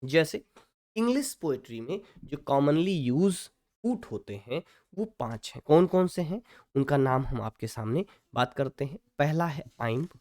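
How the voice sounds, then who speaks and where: A man teaching an English literature lesson in Hindi mixed with English. He keeps checking with his students and slows right down to dictate definitions. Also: fairly high pitch, expressive, darkish tone. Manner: mixes Hindi and English, keeps asking "ठीक है".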